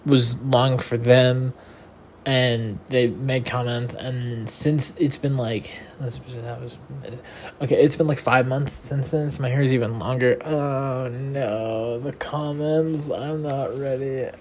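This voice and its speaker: A man's voice: mid-range voice, level tone, a little slow, darkish tone, a little hiss or hum. A tired young man hosting a casual rambling monologue, meandering with many fillers and restarts. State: tired and yawning. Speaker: podcast host.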